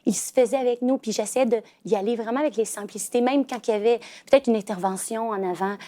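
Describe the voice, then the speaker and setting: A woman's voice: fairly high pitch, quick pace, dark tone. A woman in her thirties with a Québécois French accent, telling family stories as a guest on a talk show, with many fillers and restarts. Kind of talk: casual talk show chat.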